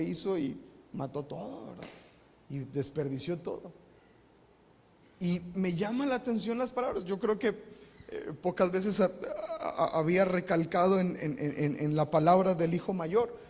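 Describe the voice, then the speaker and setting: A man's voice: high voice, darkish tone. A man with a Mexican Spanish accent preaching a live sermon, talking conversationally and tagging his points with rhetorical questions. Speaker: pastor. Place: church hall. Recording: long church reverb.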